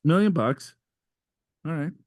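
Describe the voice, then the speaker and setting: A man's voice: on the high side, lively intonation, slow pace, a little mellow, no echo. A man co-hosting a podcast, reading listener questions aloud and adding playful asides in casual banter. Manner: joking, reads letters aloud with asides.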